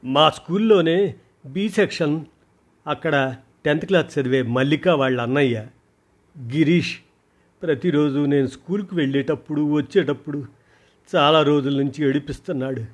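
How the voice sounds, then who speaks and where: A man's voice: moderate pace, pauses often, natural voice. A man doing a tearful teenage schoolgirl. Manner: sobbing, pleading, high-pitched.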